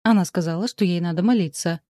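A woman voicing a calm, matter-of-fact female caregiver who answers in short, assured replies. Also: on the low side, quick pace, no echo, studio quality, natural voice. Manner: assured, flat.

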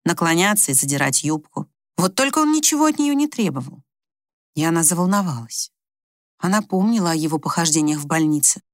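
Audiobook narrator: woman, lowish voice, measured, dry close sound. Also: no echo.

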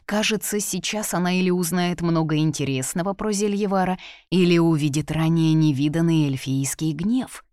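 A woman reading a fantasy audiobook as its narrator, in an expressive storytelling manner. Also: lowish voice, moderate pace, no room sound, clean studio sound. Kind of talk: scripted narration.

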